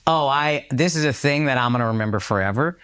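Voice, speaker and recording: A man's voice: medium pitch, fast talker, clear, resonant tone. A man on a podcast, casually telling a story with lots of swearing and acted-out quotes. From United States. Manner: animated storyteller, swears freely, acts out quotes. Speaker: podcast co-host.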